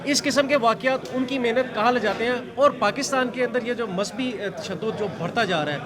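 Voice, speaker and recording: High-voiced reporter questioning over a crowd. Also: male voice. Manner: earnest, searching questions with pauses. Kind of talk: street interview questions.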